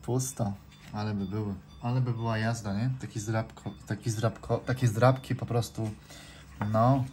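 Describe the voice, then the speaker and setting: Low dark-voiced guy slowly droning out letters while scratching lottery cards, faint noise from an open window. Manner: reads out letters and words one by one in a calm, steady drone. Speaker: scratch-card vlogger. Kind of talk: casual scratch-off commentary. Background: faint noise through an open window.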